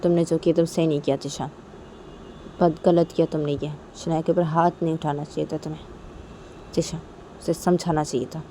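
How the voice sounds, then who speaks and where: A woman's voice: low-pitched, level tone, brisk, long pauses, warm tone, a little hiss or hum, natural voice. A woman voicing a stern middle-aged father who lectures his daughter. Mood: scolding. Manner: scolding, lecturing.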